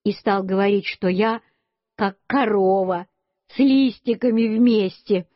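A woman reading a children's story aloud, slow and expressive in a childlike storytelling manner. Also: mid-range voice, no room sound. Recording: dull lo-fi dry recording.

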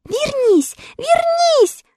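A young storybook girl, high and bright, earnest and easily worried, with a childlike, pleading lilt, as a woman puts her on. Her voice jumps far above an ordinary speaking voice and stays dry and close. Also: lively intonation, normal speed, no room sound.

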